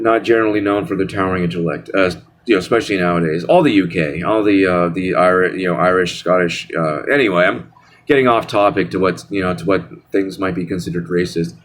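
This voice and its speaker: A young man in a casual vlog rant, sarcastic and rambling, full of restarts and fillers. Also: sits low. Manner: mocking singsong asides. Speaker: vlogger. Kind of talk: casual ranting monologue.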